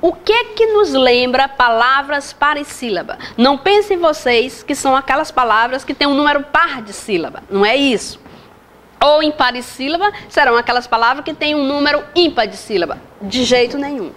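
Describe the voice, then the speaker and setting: Woman, high voice, Brazilian Portuguese accent, Latin teacher, recorded lecture, explains step by step. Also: animated, normal speed, fairly bright tone. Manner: explains step by step, asks and answers own questions. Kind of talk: recorded distance-learning lecture.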